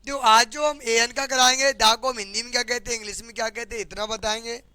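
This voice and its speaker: A man's voice: very high-pitched, steady tone, fast talker, pushed and bright, clear, resonant tone, dry recording. A man with a Hindi accent teaching English grammar in a classroom lesson, often repeating questions to his students.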